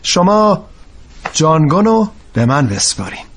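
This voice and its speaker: A man's voice: on the high side, sing-song, fairly bright tone, slight background noise. A man voicing a young male engineering-student tutor in a dubbed drama, upbeat but easily exasperated. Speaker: private tutor.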